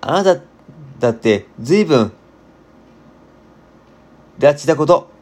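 Prim storybook girl Alice, high and polite, put on by a male reader. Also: lively intonation, slow pace, a little mellow.

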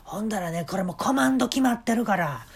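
A man voicing an eccentric middle-aged male restaurant master with a Kansai accent, in a high, drawn-out, teasing voice. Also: expressive, creaky, breathy edge, exaggerated voice. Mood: playful teasing. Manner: flamboyant, playful, slightly creepy. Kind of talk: comic storytelling.

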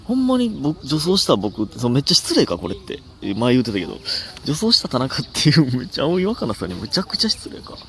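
Animated Kansai-accented young man rambling. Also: mid-range voice, fast, gravelly. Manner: rambling, self-mocking, animated outbursts. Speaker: comedian podcast host. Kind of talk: casual solo podcast chat.

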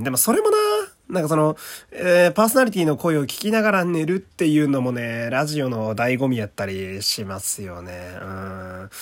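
A man hosting his own radio talk show, with a voice that swings freely up and down in pitch. He chats casually and pokes fun at himself, slipping into a put-on Kansai dialect while reading listener letters aloud. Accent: put-on Kansai dialect mixed with standard Japanese. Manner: chatty, self-deprecating, laughs often, reads listener letters aloud.

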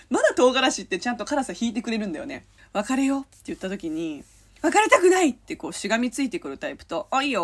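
A young woman from Korea, a native Korean speaker, hosts her own podcast. Her voice is slightly husky and breathy, and she talks in an animated, chatty way. Her pitch swings widely, and she laughs often. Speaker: podcast host. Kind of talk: casual solo chat.

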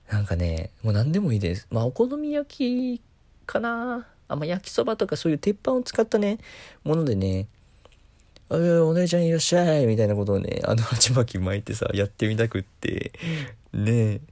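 A man's voice: on the low side, dark tone, no room sound. A young man hosting a podcast, chatting casually on his own in a rambling, playful way. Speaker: podcast host. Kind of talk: casual solo chat.

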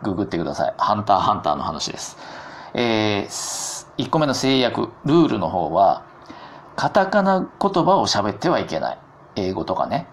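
A man with a lowish voice hosts his own solo talk show in a chatty, self-mocking way. His pitch swings widely as he throws in jokey asides. The delivery stays casual and conversational. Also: creaky. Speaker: podcast host.

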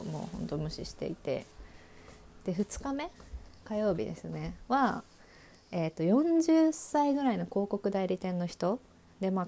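Woman, chatty solo talk host, frank storytelling, lots of fillers, gravelly fry, dark mellow tone. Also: mid-range voice. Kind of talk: casual storytelling monologue.

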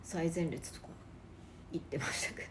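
A woman co-hosting a casual podcast chat, chatty and quick to tease. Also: deep voice, fairly even intonation, a little hiss or hum. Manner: quick, chatty, teasing reactions. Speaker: podcast co-host.

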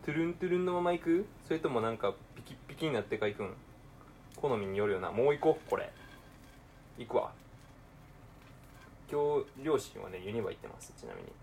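A young man with a Kansai accent talking casually to himself while cooking, swinging between quiet mumbling and excited outbursts. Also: mid-range voice, brisk, creaky, pauses often, slight background noise. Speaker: podcaster.

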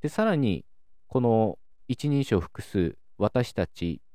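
A man calmly hosting a solo educational talk, explaining the sounds and grammar of a language. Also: mid-range voice, slow, no echo, clean studio sound. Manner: calm, explanatory, lively intonation. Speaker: podcast host explaining linguistics.

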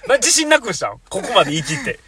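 A young man in his twenties with a Kansai accent, co-hosting a comedy talk show with loud comebacks and frequent laughter. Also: sits high, very animated, a crowd in the background. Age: 20s. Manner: loud retorts, quick to laugh. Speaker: comedy podcast co-host. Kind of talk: casual comedic banter. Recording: noticeable background noise with clicks.

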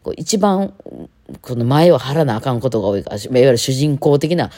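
A woman's voice: rumbling low, animated, brisk, warm tone. A woman with a Kansai accent, a violinist, chatting casually and rambling on her own talk show, with playful mimicry. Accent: Kansai Japanese. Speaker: violinist and podcast host.

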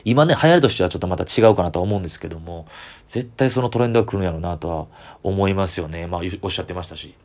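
Low-voiced Kansai man rambling solo. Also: lively intonation, racing, a little mellow. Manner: rambling, chatty enthusiasm. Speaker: comedian podcaster. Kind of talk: solo casual chat.

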